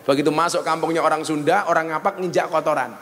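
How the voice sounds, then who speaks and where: A man's voice: a little high, fairly even intonation, quick pace, fairly bright tone, in a large hall, slight background noise. A man with a Javanese accent preaching a humorous sermon, mixing Javanese and Indonesian and acting out the voices in his stories. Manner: jokey, switches between Javanese and Indonesian, acts out voices. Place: large venue before an audience.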